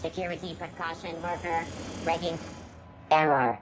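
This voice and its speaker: Game NPC: woman playing a broken-down security robot, glitching and stuttering, low voice. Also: steady tone, moderate pace, soft background music, natural voice. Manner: stuttering, breaking off mid-word. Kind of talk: video game voice acting.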